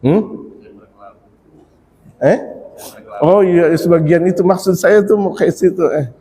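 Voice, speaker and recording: A man preaching a sermon to a congregation, animated, repeating phrases and drawing out prayers. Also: sits high, slow pace, slight background noise. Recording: long hall reverb.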